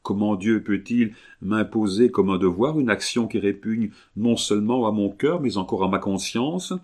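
A man's voice: fairly low pitch, moderate pace, darkish tone, close to an everyday voice. A man reading an audiobook, voicing a passionate, determined young woman who presses her questions ardently. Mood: defiant.

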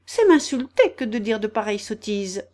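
A woman's voice: mid-range voice, big pitch swings, moderate pace, darkish tone, close to an everyday voice. A woman voicing a touchy, stern mouse who speaks curtly and severely. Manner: curt and severe.

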